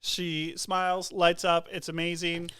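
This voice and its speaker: A man's voice: on the high side, completely flat delivery, unhurried, sharp tone, smooth. A man, co-hosting a podcast in casual chat, joking and teasing. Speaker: podcast co-host.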